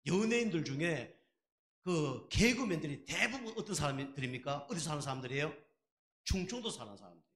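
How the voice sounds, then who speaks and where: A male pastor with a slightly high, somewhat bright voice preaches a conversational sermon, putting rhetorical questions to his congregation. The sound echoes through the church sanctuary.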